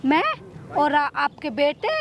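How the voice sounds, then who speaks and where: A woman plays a greedy, bullying young daughter-in-law in a staged street skit. She scolds in a very high voice, hammering the same threats and commands over and over. Faint noise of the open air by a river. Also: slow pace. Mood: wheedling. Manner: scolding, threatening, repeating orders. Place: outdoors by a river.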